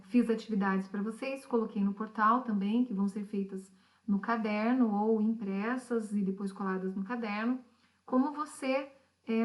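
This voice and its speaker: A woman's voice: a little high, a little mellow. A woman, a patient teacher explaining a recorded language lesson to pupils.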